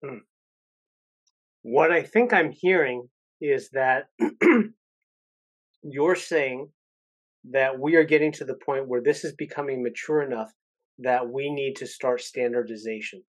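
A male podcast host asking his guest questions in a casual, conversational way. He stammers and restarts often as he searches for his next words, and his pitch stays in a middle range. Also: slow pace, long pauses. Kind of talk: casual interview chat.

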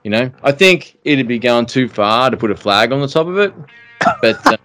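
A man's voice: medium pitch, animated, normal speed, a bit bright, soft background music. A man chatting casually as a fishing podcast host, in a laid-back, slangy way. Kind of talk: casual chat.

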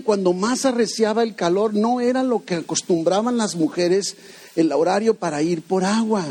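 Husky high-voiced man preaching. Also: darkish tone. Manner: rhetorical questions, acts out quoted voices. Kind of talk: conversational sermon. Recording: long hall reverb.

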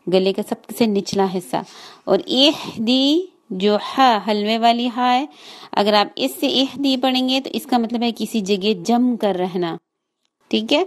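A woman teaching a lesson on recitation, her voice sitting at an ordinary middle pitch. She explains with patience, slowing down to draw out each example word. She keeps checking in with her students as she goes. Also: darkish tone. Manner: patient, explains slowly, drawing out example words and checking in with listeners. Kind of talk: online class lesson.

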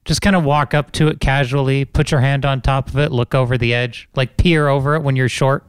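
A man telling stories in casual podcast chat, animated and jokey, close to the mic. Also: mid-range voice, brisk, clean tone, no room sound. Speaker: podcast co-host. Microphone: close studio mic.

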